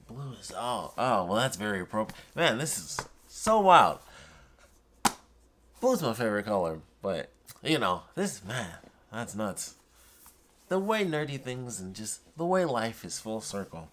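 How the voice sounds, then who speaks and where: A man who sounds high, rambling casually in a dazed, drifting stoner manner as he vlogs and trails off. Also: a bit bright, a little hiss or hum. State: high, intoxicated. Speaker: vlogger. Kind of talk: rambling casual unboxing vlog.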